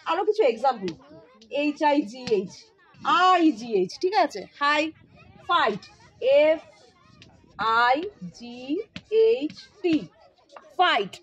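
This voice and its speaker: A woman teaching English pronunciation, explaining informally and spelling out letters to her students. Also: high-pitched. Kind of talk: spoken English lesson.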